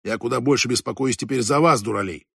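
A man voicing a gruff middle-aged police inspector who talks brusquely and impatiently on the phone in an audiobook. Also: medium pitch, fast talker, fairly bright tone, no echo, clean studio sound, pitched below the performer's own voice. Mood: sardonic. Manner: brusque, impatient, calls the other fool.

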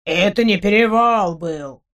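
A woman voicing a stubborn bearded male guard in a spoken storybook, speaking slowly and insistently. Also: mid-range voice, fairly bright tone, close to an everyday voice.

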